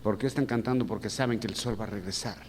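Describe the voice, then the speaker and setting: A man's voice: fairly low pitch, quick pace, darkish tone. Pastor guy preaching casual, lots of questions to the crowd, big echoey church, bit of hum. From Mexico. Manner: chatty, asks the congregation many rhetorical questions. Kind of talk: conversational sermon. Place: church hall. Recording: long church-hall reverb, faint background hum.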